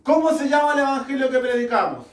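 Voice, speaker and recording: Man preaching, high-pitched, slow deliberate delivery, rhetorical questions, roomy echo, distant mic. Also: animated. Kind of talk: sermon. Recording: echoey room, mic far off.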